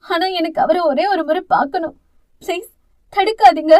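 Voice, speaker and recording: A woman's voice: extremely high pitch, normal speed, darkish tone, pitched above the performer's own voice. A woman voicing a guilt-ridden young woman who pleads through tears, her voice breaking, in an audio novel. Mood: tearful pleading.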